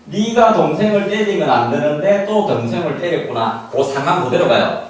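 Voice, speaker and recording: A man gives a parenting lecture in a high voice and swings his pitch widely. He acts out what a parent or child might say and laughs often. He sounds distant, and the hall's echo is heavy. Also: lively intonation, moderate pace. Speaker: parenting instructor. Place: lecture room. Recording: echoey hall, far from the mic, faint noise.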